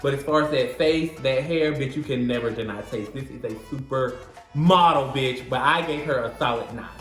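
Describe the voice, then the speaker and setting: A man's voice: medium pitch, normal speed, a bit bright. A man bantering in a casual video review, with a sassy, slangy drag-queen delivery. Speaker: co-host of drag show review. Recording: roomy echo with music behind.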